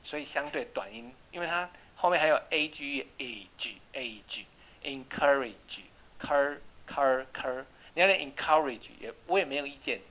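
Patient tutor spelling out English words. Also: female voice, a bass voice, normal speed, fairly bright tone, rough recording. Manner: explains words patiently, spells out letters, drills repetition. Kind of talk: home English reading and spelling lesson.

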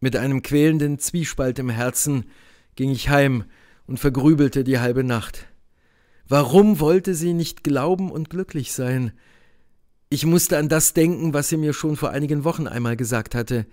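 A man reading a literary story aloud in slow, measured, somber narration. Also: medium pitch, a little mellow. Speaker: audiobook reader.

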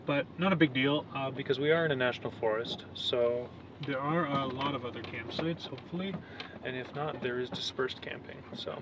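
Speaking briskly at medium pitch, a Canadian man aged 20s to early 30s vlogs from a parked small camper van in casual chat. The lo-fi recording picks up background noise in the van.

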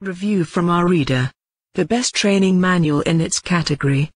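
A woman narrating a scripted promotional voice-over for a training manual, reading out a list of selling points in a steady pitch. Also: moderate pace, no room sound.

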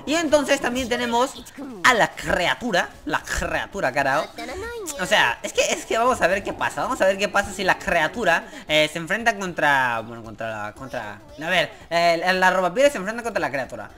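A man giving excited gameplay commentary as a gaming YouTuber, swearing and yelping in fright. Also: high-pitched, normal speed. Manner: jumpy, swears, yelps and screams in fright. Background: game music.

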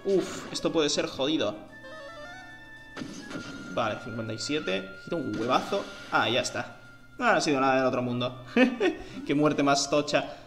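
A man giving casual, slangy commentary while playing a video game. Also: a little high. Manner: chatty, slangy, thinks aloud. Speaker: let's play gamer.

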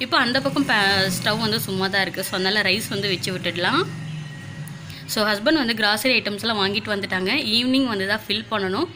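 A woman's voice: medium pitch, a little fast, music in the background. A woman, narrating a casual home vlog in a chatty way, full of filler words. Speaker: vlogger.

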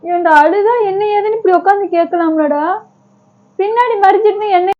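A woman's voice: very high-pitched, phone-quality sound. A young woman at home pulling a fake crying prank, whining and repeating herself between put-on sobs. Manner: whiny, drawn-out fake sobbing, repeats herself. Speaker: vlogger wife pulling a prank. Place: home, indoors.

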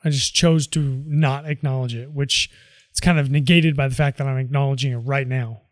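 A man's voice: medium pitch, steady tone, moderate pace, dry recording, studio quality. A tired man mumbling casual commentary to himself as he plays a video game. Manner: mutters reactions to himself. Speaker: let's play host.

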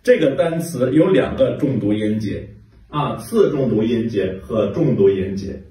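Slow, patient male teacher in an echoey room. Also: medium pitch, lively intonation, warm tone, recorded from a distance. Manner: slow, patient, repeats sounds. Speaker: English teacher. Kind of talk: pronunciation lesson.

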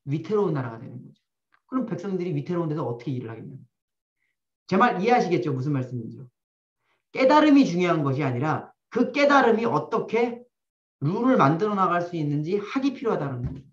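A man giving a lecture to a live audience, blunt and animated, firing rhetorical questions at the room and slipping into slang. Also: on the high side, fast talker. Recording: roomy, distant, dull-sounding.

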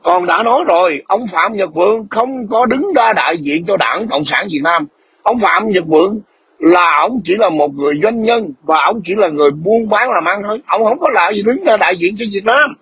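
A man hosting a livestream, ranting and scolding his viewers in a combative tone, often clearing his throat and demanding whether they understand. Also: high-pitched, animated, moderate pace, fairly bright tone. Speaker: livestream host.

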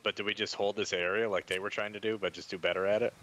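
A man's voice: lowish voice, steady tone, quick pace, bright, forceful tone. A man in a game party chatting casually, laid-back and swearing now and then over voice chat. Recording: noisy voice chat line.

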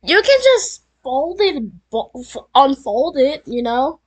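A woman voicing an excitable plushie that reacts to a video with sarcastic, exasperated remarks. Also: high-pitched, slow, heavily acted. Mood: mocking. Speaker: reaction commentator.

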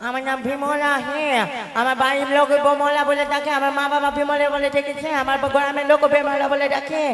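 Brash comic village girl, high voice, echoey stage hall with music, played by a stage actor. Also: fairly even intonation, lightly acted. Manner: fast rambling comic chatter. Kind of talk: live folk theatre acting.

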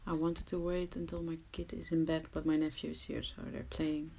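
Deep, dark and brisk with little pitch movement, this Dutch-accented woman's voice guides a casual screen-recorded crafting tutorial. Working from someone else's home, she sounds hesitant and self-deprecating and keeps slipping into murmurs. There's a little hiss or hum.

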